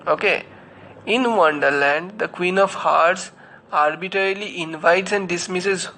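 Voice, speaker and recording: Gravelly man lecturing on a book. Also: high voice, unhurried, sharp tone, slight background noise. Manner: explanatory, spells out names letter by letter, frequent fillers. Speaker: literature lecturer. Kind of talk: spoken lecture.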